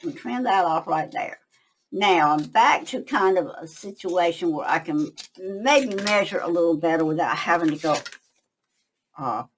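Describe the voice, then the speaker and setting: An older woman hosts a relaxed crafting lesson from her own craft shop. Her voice sits a little low, and she talks chattily to her viewers. She drifts into half-finished thoughts whenever she concentrates on her work. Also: moderate pace, slight background noise, low-quality recording. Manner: chatty, talks to viewers while working, trails off when concentrating. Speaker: craft tutorial host. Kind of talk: casual crafting tutorial.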